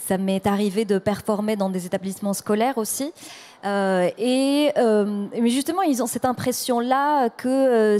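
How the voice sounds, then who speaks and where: Woman poet on a panel, hesitant and halting, soft mellow tone. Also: mid-range voice. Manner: hesitant, many fillers and restarts. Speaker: poet and performer. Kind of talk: panel discussion answers.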